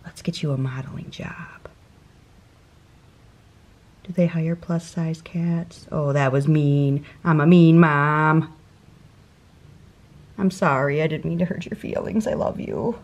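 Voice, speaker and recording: Woman, 30s, home-kitchen cooking vlogger, relaxed slow delivery, lots of restarts. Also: low voice. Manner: chatty, self-interrupting, laughs at her own slips. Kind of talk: casual meal prep vlog. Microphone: camera mic at arm's length and on the counter.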